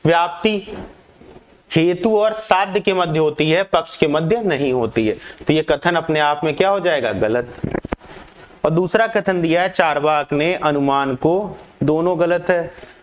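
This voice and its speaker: A man teaching an online exam-prep lesson, reading questions aloud and urging students to answer quickly. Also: fairly high pitch, expressive.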